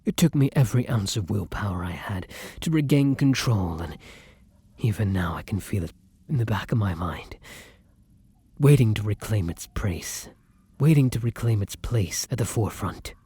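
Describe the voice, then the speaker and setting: A man portrays a breathy, courtly, hungry vampire lover, kind yet starving and growing predatory, in an ASMR roleplay spoken directly to the listener. Remorseful and pleading, his warm, low-leaning voice is animated and often drops to a whisper. His formal, archaic wording is full of endearments, spoken deliberately with dramatic pauses.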